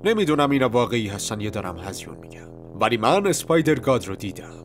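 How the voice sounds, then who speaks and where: A man voicing a weary, hard-boiled male private detective who tells his story in a low, brooding way. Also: very animated, a little hiss or hum, close to an everyday voice. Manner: low, brooding first-person telling.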